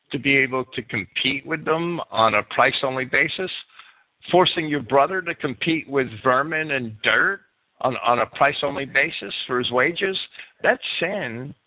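Emphatic male call-in host, phone-like sound. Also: a little high. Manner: emphatic, repetitive. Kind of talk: spontaneous monologue and chat with callers. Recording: narrow phone-like radio sound.

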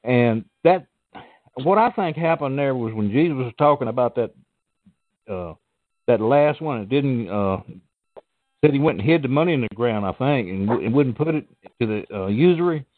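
A middle-aged or older man with a deep Southern American accent, chatting casually and folksily as a phone-in caller. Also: animated, normal speed, no room sound. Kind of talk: casual chat. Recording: tinny phone-like line.

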